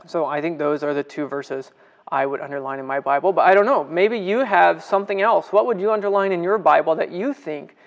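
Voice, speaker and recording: A man teaching Scripture in a relaxed livestream, his voice sitting a little high with a gravelly rasp underneath. He talks conversationally, greets viewers by name and keeps posing questions to them. The tone is friendly and unpolished, like a group study rather than a pulpit. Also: brisk, highs cut off. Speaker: Bible study leader. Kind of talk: casual livestream Bible teaching.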